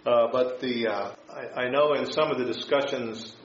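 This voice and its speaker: A man teaching an informal Bible class, explaining scripture and history in a halting, tentative way. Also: medium pitch. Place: echoing room, teaching a class. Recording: echoey room, dull sound, faint noise.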